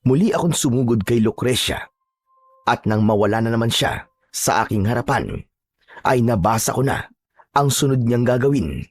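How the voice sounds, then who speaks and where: A man narrating a first-person horror story with steady, dramatic delivery. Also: medium pitch, moderate pace, long pauses.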